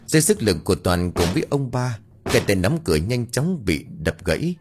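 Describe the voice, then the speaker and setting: A man narrating an audiobook horror story in an expressive, dramatic storytelling manner. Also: fairly low pitch, a little fast, music in the background.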